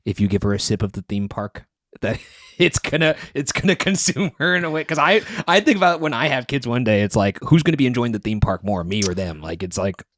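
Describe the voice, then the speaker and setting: A man's voice: mid-range voice, very animated, brisk, fairly bright tone, dry recording, clean studio sound. A man co-hosting a podcast, playfully asking his guest follow-up questions. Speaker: podcast co-host. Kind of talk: casual chat.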